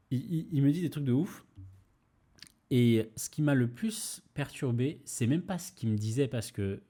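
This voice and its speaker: A man's voice: medium pitch, dark tone. Laid-back young man telling a story. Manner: rambling, many fillers and restarts, mild swearing. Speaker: podcast host. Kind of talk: casual storytelling.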